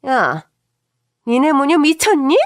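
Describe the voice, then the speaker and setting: A woman voicing a furious older mother-in-law who yells accusations. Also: sits high, very animated, slow, no room sound, studio quality, pitched above the performer's own voice, heavily acted. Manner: yelling, accusing.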